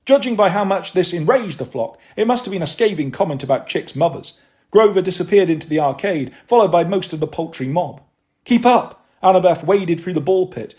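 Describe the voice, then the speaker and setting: A man's voice: high voice, a little fast, darkish tone. A man reading a first-person novel aloud, with a wry, dry delivery. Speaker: audiobook narrator.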